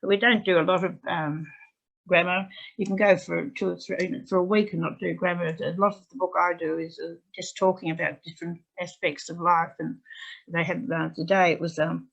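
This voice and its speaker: A woman's voice: on the low side, fairly even intonation, moderate pace, gravelly. A woman English teacher telling a classroom story to fellow teachers, chatty and rambling, speaking from home on a video call. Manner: chatty, rambling, with fillers and restarts. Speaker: English language teacher presenting. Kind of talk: anecdotal presentation to teachers. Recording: dull lo-fi video call audio.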